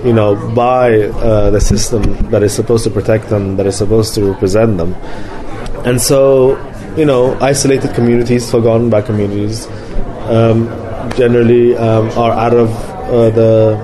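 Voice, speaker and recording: A London-raised film director answers interview questions haltingly, with lots of fillers and restarts. His mid-range voice holds a steady tone, the recording is rough, and crowd noise sits behind him.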